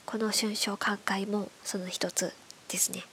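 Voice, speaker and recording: A woman with a stuffed-up, nasal voice from hay fever, hosting a bedtime radio show in soft, breathy, casual chat that often drops toward a whisper. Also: medium pitch, little pitch movement, a little slow. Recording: clearly audible background hiss.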